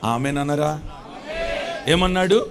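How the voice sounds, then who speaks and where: This is a male pastor with a notably high voice, delivering a fervent sermon. He repeats his lines, fires questions at the congregation and pushes into shouted blessings. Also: takes it slowly, a little hiss or hum.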